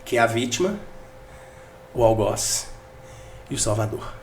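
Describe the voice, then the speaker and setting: A man's voice: lowish voice, lively intonation, a little slow, slight background noise. A man, a podcast guest explaining ideas through family examples, acting out quoted voices. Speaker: guest, business speaker. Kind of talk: podcast interview storytelling.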